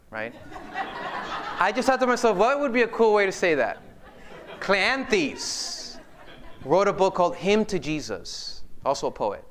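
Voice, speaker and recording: A man preaching a live sermon, his voice smooth and resonant and sitting a little high. He keeps it animated, firing questions at the congregation and slipping in joking asides. Each point comes from the pulpit to the people in front of him.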